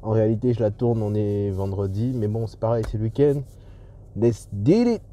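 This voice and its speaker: A man's voice: fairly low pitch, steady tone, brisk, dark tone. A man talking casually to viewers as an entrepreneurship vlogger, his voice slightly muffled through a face mask, with hesitant delivery. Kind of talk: casual vlog talk to viewers. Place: on the move, leaving a garage. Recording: muffled lo-fi audio, clear vehicle and ambient noise.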